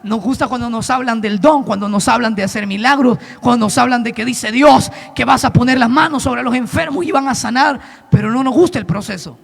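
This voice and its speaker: A man preaching a sermon and sharing his own testimony, with an impassioned delivery that rises to shouts and drops to a low, soft voice. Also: brisk, vocal fry, long reverb tail. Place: church hall.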